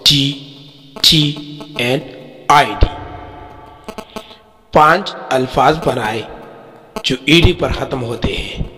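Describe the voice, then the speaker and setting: Male teacher, Pakistani accent, very slow deliberate lesson delivery in a reverberant room. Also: mid-range voice, a bit bright. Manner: slow, drawn-out word-by-word explanation. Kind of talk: textbook lesson walkthrough.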